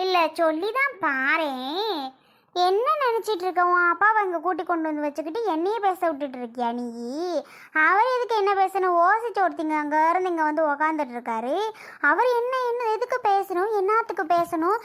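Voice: very high-pitched, lively intonation, a little fast, fairly bright tone. A performer playing an angry, proud middle-aged sister-in-law who keeps firing accusing questions in a family drama skit. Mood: furious. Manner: accusing, demanding, repeats her questions.

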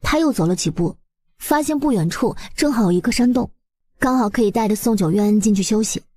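A woman's voice: mid-range voice, brisk, warm tone, dry recording, studio quality. A woman narrating a webnovel story expressively, in a colloquial, dramatizing storyteller's manner.

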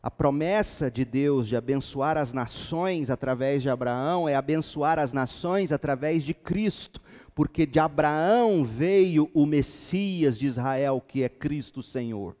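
Preaching pastor in a reverberant hall. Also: male voice, on the high side, measured pace. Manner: building to loud emphatic preaching, reading scripture aloud. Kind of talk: sermon.

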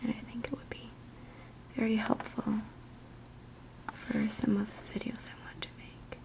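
Young woman doing soft whispery asmr chat, gentle and soothing, bit of creak in her voice. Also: fairly high pitch, steady tone, poor audio. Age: young adult. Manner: gentle, unhurried, soothing murmur. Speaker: ASMR video maker.

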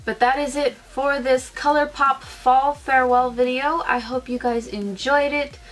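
A woman's voice: high-pitched, fairly even intonation, a little slow, faint music behind. A young woman chatting as a beauty vlogger, bubbly and gushing, her talk full of "like" and "freaking". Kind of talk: casual chat.

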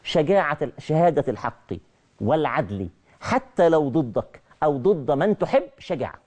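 A middle-aged man with an Egyptian Arabic accent giving a televised religious lecture, animated and repeating his key phrases. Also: fairly high pitch, moderate pace.

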